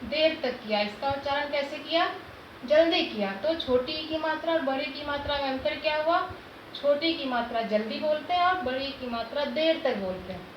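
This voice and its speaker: A high-voiced woman teaches young children, asking questions and answering them herself as she sounds out syllables one by one. The recording is dull and low-fi, with room echo and steady noise behind her. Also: brisk. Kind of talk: classroom lesson explaining Hindi vowel signs.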